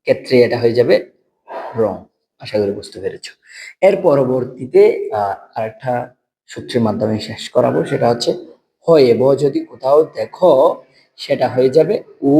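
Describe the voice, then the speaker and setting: Male teacher, mid pitch, halting lesson delivery with slow repeated example words. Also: a little mellow, slight background noise, low-quality recording. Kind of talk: spoken lesson on pronunciation rules.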